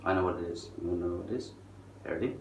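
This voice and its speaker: A middle-aged man with a low voice rambles through a sardonic, foul-mouthed rant. He drags some words out and punches others. He sounds distant from the microphone, with roomy echo around him. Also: very fast, creaky, a little mellow. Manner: sardonic, profane. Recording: distant mic, roomy echo, faint noise.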